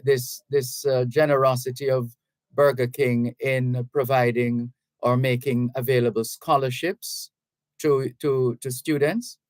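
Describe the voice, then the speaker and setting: A Jamaican man hosting a radio talk show, his voice sitting in an ordinary middle pitch. He speaks in a measured, courteous way and pauses now and then. The studio mic is close and dry, with no room sound. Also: dry recording. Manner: measured, courteous, a little halting. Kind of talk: radio interview.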